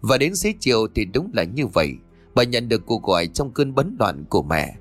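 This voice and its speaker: A man narrating a horror story audiobook in an expressive, dramatic way. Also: mid-range voice, normal speed. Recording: dry close voice with faint music.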